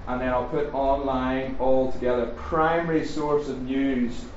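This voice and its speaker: A faith and culture seminar features a middle-aged Northern Irish man talking to a live audience. His voice is medium-pitched and steady, and his fast, jokey talk is full of ums and questions to the room. Faint hiss sits under the roomy, distant, dull sound of a large echoey room.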